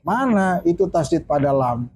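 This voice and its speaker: A man teaching a casual study circle, drawling out recitation examples slowly and often checking that his students understand. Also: on the high side, very animated, darkish tone, slight background noise. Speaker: religious teacher.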